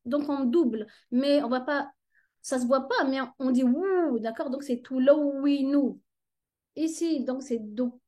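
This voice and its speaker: Patient woman teacher, warm high voice, unhurried tutorial delivery. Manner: patient, checks understanding with frequent "ok?". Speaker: Arabic reading teacher. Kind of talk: step-by-step tutorial lesson.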